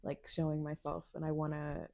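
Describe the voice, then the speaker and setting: A woman's voice: low voice, completely flat delivery, brisk, gravelly, mellow, no room sound. A woman acupuncturist speaking as a podcast guest, thoughtful and reflective, with many casual fillers. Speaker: acupuncturist and sound healer, guest. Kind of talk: casual conversational interview. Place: her acupuncture practice room.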